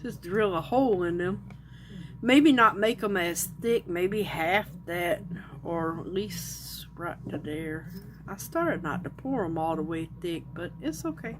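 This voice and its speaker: A woman talks slowly and easily in a casual crafting vlog. She chats and thinks aloud as she measures and shows her pieces at an indoor craft table. A faint hum of room noise sits behind her voice. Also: lowish voice, lively intonation. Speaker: resin crafter and channel host. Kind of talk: casual show-and-tell vlog.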